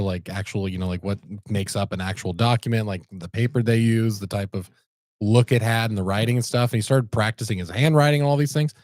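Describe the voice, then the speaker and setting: A man's voice: lowish voice, a little mellow, no echo. A man co-hosting a podcast, casually retelling a story in a rambling, laid-back way with lots of fillers. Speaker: podcast co-host.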